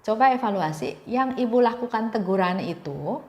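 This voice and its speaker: Woman giving a gentle devotional talk. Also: fairly high pitch, lively intonation, moderate pace, roomy sound. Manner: gentle storytelling with repeated phrases.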